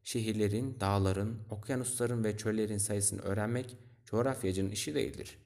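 A man's voice: lowish voice, steady tone, moderate pace, vocal fry, a little mellow. Old storybook geographer, bookish, self-important, lecturing, a man reading him.

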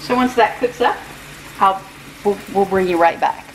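An older woman with a mid-range voice talks at a moderate pace while demonstrating a recipe in her home kitchen for her cooking channel. Her manner is chatty and homey, sprinkled with gentle laughter and fillers. A camera mic across the kitchen picks her up from a distance, with background noise.

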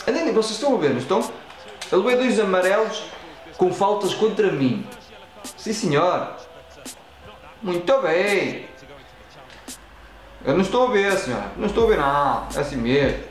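A man with a European Portuguese accent, playing a football video game and reacting loudly to each play as he talks at it. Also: high-pitched, normal speed, long pauses, reverberant, faint music behind, poor audio. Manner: excitable, talks at the game and the referee, frequent exclamations. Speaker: gaming channel host.

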